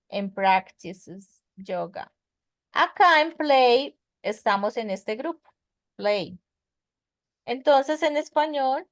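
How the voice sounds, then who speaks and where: A woman's voice: on the high side, no room sound, clean studio sound. A woman teaching an English grammar class online, explaining patiently and checking with her students as she goes. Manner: patient, explains step by step with many checking questions. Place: online web conference class.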